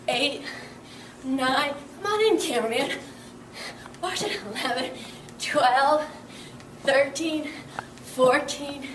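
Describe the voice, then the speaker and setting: A woman's voice: high-pitched, echoey room, far from the mic, background noise. A young woman leading a workout as fitness instructor, upbeat and encouraging, counting reps and a little out of breath.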